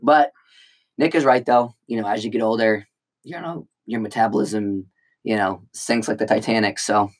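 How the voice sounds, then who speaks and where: A man's voice: fairly low pitch, steady tone, moderate pace. A young man co-hosting a podcast in casual chat, throwing in joking asides and banter. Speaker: podcast co-host.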